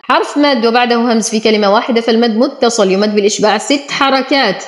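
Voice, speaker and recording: Woman teaching recitation in an echoey room. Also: a little high. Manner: explains each letter step by step, then says the word slowly. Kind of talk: tajweed lesson.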